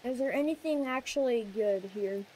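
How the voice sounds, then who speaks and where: Excitable high-voiced woman playing a game. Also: moderate pace, a little hiss or hum. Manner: excitable, chatty, talks to her animals. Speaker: gamer. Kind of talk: casual gameplay commentary.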